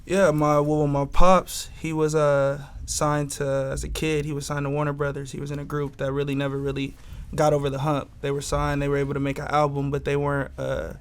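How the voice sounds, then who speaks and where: A record label head in his twenties from Southern California chats in a casual interview, loose and laid-back, packed with slang and fillers. His voice is fairly high and monotone, his pace brisk, and the tone clean.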